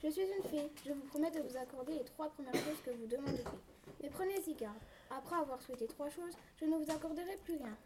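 A woman's voice: high-pitched, fast talker, far from the mic, very noisy, natural voice. Woman voicing a stern wish-granting fairy. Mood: solemn. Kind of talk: storybook reading.

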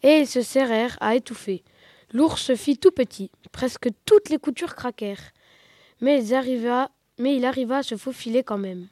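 A woman reading a children's story aloud in an expressive, lively way. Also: fairly high pitch, moderate pace, no room sound, clean studio sound. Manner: expressive, lively read-aloud with rising excitement.

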